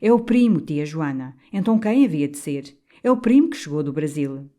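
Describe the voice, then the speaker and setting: A woman's voice: sits low, expressive, normal speed, dark tone. A woman reading the lines of an anxious, impatient man in an audiobook, in an urgent tone.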